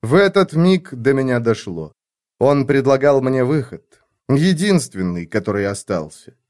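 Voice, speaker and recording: Man narrating an audiobook, measured. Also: medium pitch, very animated, a little mellow. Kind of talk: scripted first-person narration.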